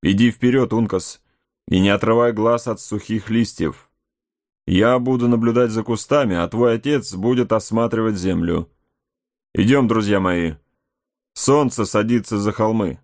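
A man reading aloud voices an aging frontier scout, shrewd and steady, speaking in a deliberate, musing way. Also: fairly low pitch, no room sound, clean studio sound, close to an everyday voice.

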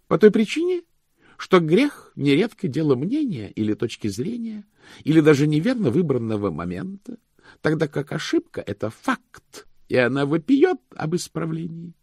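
A man's voice: fairly high pitch, creaky, darkish tone, slightly rough, dry recording, clean studio sound, voice pushed up, heavily acted. A man reading an audiobook, voicing a proud and exacting older male head cashier who lectures in a lofty, pompous way. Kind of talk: audiobook character voice.

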